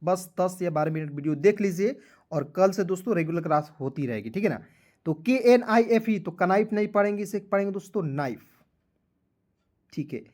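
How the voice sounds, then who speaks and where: A tired man teaching an online lesson, spelling out English words letter by letter, then slowly saying each one while checking that viewers follow. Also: high voice, animated, darkish tone. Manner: keeps addressing viewers as friends, checking "clear?".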